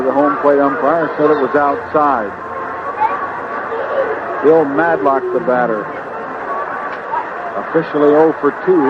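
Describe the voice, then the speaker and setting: An American man with a fairly high voice calls live baseball play-by-play on a vintage radio broadcast from an outdoor ballpark booth. The sound is phone-quality, with loud noise and outdoor ambience in the background.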